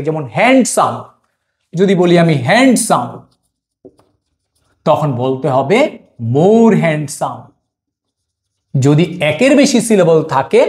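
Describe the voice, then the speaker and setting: A man teaching a grammar lesson. He asks a question and then answers it himself, and he says the example words slowly. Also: sits high, a little mellow. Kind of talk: classroom lesson.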